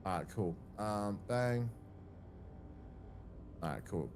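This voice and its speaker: A young man chatting casually while gaming on stream, excitable and swearing, thanking viewers. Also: fairly low pitch, slow. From Australia. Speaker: gamer on a stream. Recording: loud background noise.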